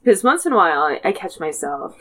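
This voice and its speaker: A woman's voice: on the low side, big pitch swings, fairly quick, fairly bright tone. A woman from the United States in a casual brainstorming chat, rambling with lots of fillers and frequent giggles.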